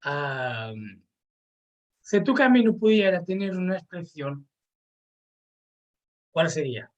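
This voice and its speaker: A man's voice: high-pitched, big pitch swings, slow pace, highs cut off. Eager man hosting an interview. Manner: enthusiastic, laughs often. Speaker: interviewer host. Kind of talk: interview questions.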